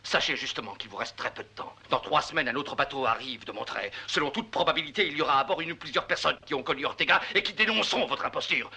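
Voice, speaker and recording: An actor playing a coldly authoritative, menacing magistrate in a dubbed period adventure series, speaking formally and sternly. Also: male voice, medium pitch, lively intonation, fast talker, hardly any pauses, sharp tone, slightly rough, heavily acted. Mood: stern reproach.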